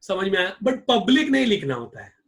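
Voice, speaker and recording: A man's voice: high voice, sing-song, a little fast, a bit bright. A male accounts teacher giving a classroom lecture, drilling his students with repeated questions.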